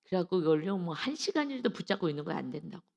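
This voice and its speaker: A woman preaching an early-morning sermon, acting out quoted voices and swinging between soft and loud. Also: on the low side, sing-song, very fast, vocal fry. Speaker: pastor.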